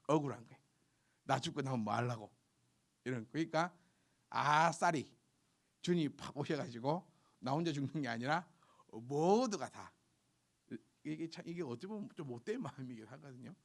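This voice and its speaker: A man preaching a sermon, emphatic and exhorting, breaking into soft asides. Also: on the high side. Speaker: pastor.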